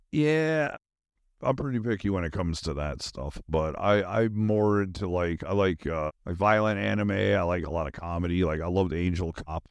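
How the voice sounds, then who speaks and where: A middle-aged man with a deep voice hosts a podcast by himself, rambling casually and enthusiastically in a scattered, slangy way as he thinks out loud. The sound is clean studio audio with no room sound.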